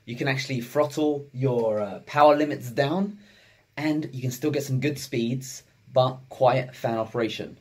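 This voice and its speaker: At a home desk with monitors, indoors, a young man records a casual tech review vlog straight to camera in a mid-range, slightly rough voice at normal speed. He chats enthusiastically and becomes loud and giddy with excitement.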